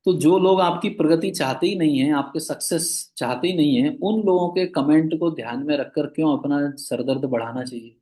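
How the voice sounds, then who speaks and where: A man's voice: a little high, moderate pace, hardly any pauses, warm tone. A man giving a spiritual discourse, telling stories and asking his listeners questions. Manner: asks the listeners questions and acts out the quoted characters. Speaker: spiritual teacher. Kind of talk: Hindi spiritual discourse with storytelling.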